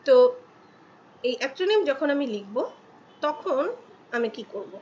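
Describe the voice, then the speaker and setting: Woman, grammar teacher; high voice, reads English examples slowly, keeps checking in with the listener; dull lo-fi recording. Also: big pitch swings, a little mellow. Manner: slow, drawn-out reading of English examples. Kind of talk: explaining articles to students in Bengali. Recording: dull lo-fi with faint ambient noise.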